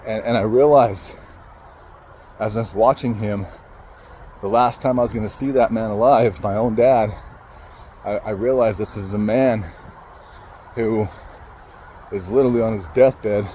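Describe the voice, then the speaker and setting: Male speaker, low and warm, emotional storytelling with halting restarts, faint street ambience. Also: steady tone, a little hiss or hum, low-quality recording. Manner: halting, emotional, swears casually. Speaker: motivational speaker. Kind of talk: personal storytelling.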